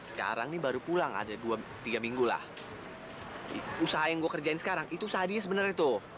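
A man's voice: a little high, fast talker, noisy background, lightly acted. An actor playing a cheeky young man who teases his friends while playing matchmaker. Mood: teasing. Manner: teasing, boastful, lively banter. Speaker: actor in comedy drama.

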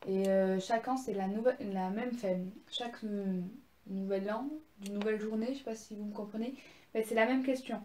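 A woman's voice: medium pitch, steady tone, normal speed, dark tone, reverberant, slight background noise. A young woman casually showing her presents, chatty and gushing, with many fillers and restarts. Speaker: vlogger. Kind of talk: casual haul video.

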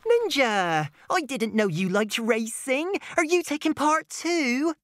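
A woman's voice: sits high, big pitch swings, slow pace, dry recording, voice pushed up, heavily acted. A woman voicing a cheerful, encouraging female robot unicorn in a children's storybook. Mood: cheery. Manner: bright and encouraging.

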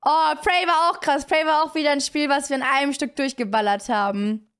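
A woman streamer doing excitable, slangy livestream reaction commentary. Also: high voice, a little fast.

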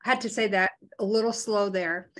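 A woman's voice: mid-range voice, fairly even intonation, a little fast. Easygoing woman podcast co-host. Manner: friendly, easygoing, asks questions. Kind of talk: casual podcast chat.

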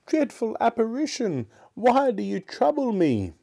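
A man's voice: high-pitched, big pitch swings, measured pace, vocal fry, a little mellow, voice pushed up, exaggerated voice. A man voicing a trembling old miser who speaks imploringly in a storybook reading. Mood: terrified. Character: frightened old miser pleading with a ghost.

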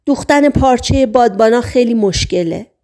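A woman narrator reads a hypnotized patient reliving a sailor's life, speaking in short, halting, trance-like phrases. The voice sits fairly high with a gravelly fry in it. Audiobook reading. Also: expressive, mellow. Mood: dreamy.

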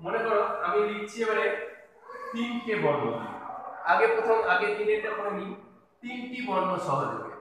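A man's voice: sits high, very animated, moderate pace, long pauses, background noise. A man teaching a kindergarten video lesson, patiently spelling out letters and words one by one. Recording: echoey room from a distance.

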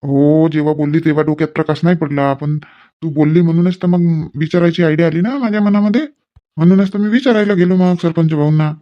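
A man's voice: fairly high pitch, steady tone, brisk, muffled recording. A man playing a village husband in a comic sketch, coaxing and placating his wife. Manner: coaxing, placating, rustic banter.

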